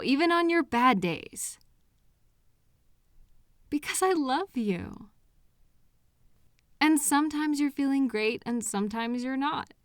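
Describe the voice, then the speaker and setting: Her medium-pitched, somewhat bright voice sits right up against the mic, completely dry with no sense of a room. In this intimate roleplay she is a loving, patient girlfriend soothing an anxious partner, tender and reassuring. She takes each phrase slowly, letting sighs fill the unhurried pauses.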